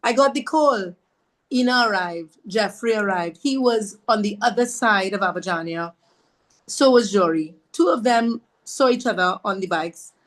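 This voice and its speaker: A woman tells her story as a podcast guest, speaking at a middling pitch. She is earnest and pauses often, and she brings others' words to life as she recounts them. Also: expressive. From Trinidad and Tobago. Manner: halting, with fillers and restarts. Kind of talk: conversational personal storytelling.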